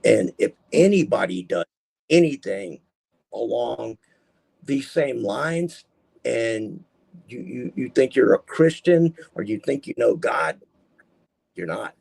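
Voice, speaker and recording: A man's voice: medium pitch, very animated, takes it slowly, creaky, long pauses, a little mellow, slightly rough. A middle-aged man, a podcast guest, telling his story in a rambling, emphatic way and acting out the voices he quotes. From Texas, US. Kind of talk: casual interview storytelling.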